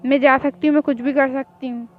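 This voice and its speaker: A woman's voice: high voice, steady tone, brisk, narrow, tinny audio, natural voice. A woman playing a feisty, defiant young fangirl. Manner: scolding, defiant. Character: feisty young woman, devoted boy-band fan. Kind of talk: hobby fan drama.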